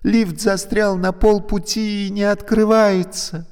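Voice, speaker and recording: A man voicing a panicky woman trapped in a lift, shrill, loud and frantic. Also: steady tone, takes it slowly, smooth, long reverb tail.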